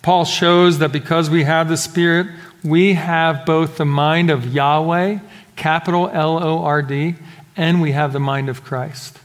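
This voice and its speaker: High-pitched male preacher through a face mask, echoing hall. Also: steady tone, a little slow. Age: middle-aged. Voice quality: slightly muffled, speaking through a face mask. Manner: earnest, emphatic, swinging between raised exhortation and quieter explanation. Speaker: pastor preaching to a congregation. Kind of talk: sermon. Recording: long hall reverb of a live service.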